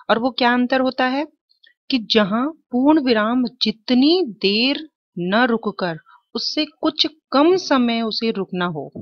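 A woman's voice: fairly high pitch, no echo, dull audio. A woman teaching an exam-prep lesson, explaining step by step and answering her own questions.

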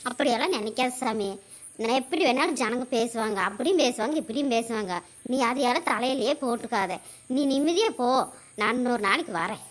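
A woman's voice: on the high side, expressive, brisk, slight background noise, lightly acted. A woman playing a lonely mother living apart from her son, lamenting her lot and then tenderly reassuring him. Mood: soothing. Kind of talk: village family drama acting.

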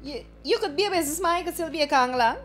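A woman's voice: high-pitched, racing, faint music behind. A woman with a Guyanese accent, teasing the others in a casual podcast chat. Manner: sassy, teasing, animated. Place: small studio lounge.

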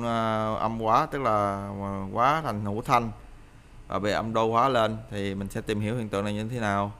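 A man with a fairly low, sharp, clean-toned voice teaches a pronunciation lesson. He explains each point and repeats example words for the listener to drill, using frequent hesitant fillers.

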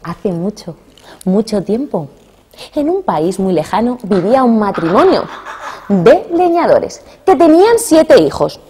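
A young adult woman telling a fairy tale to children, expressive and asking them questions as she goes. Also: medium pitch, measured pace, slight background noise. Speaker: storyteller.

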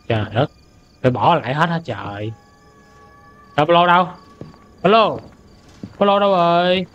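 Jumpy young male game streamer. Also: on the high side. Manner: jumpy, loud startled outbursts, reads in-game English aloud and translates. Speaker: gaming streamer. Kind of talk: let's play commentary.

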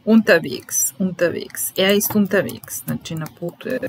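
In a small room indoors, a woman whose voice sits on the low side teaches vocabulary, dictating word by word and repeating phrases in a deliberate, instructional manner. Keyboard typing and other background noise can be heard behind her.

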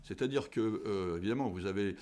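Deep-voiced man, deliberate and halting. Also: a little mellow. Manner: deliberate, hesitant with frequent fillers and restarts. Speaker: guest, history teacher. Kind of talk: measured interview answers. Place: indoor office with tall window. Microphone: desk studio microphone.

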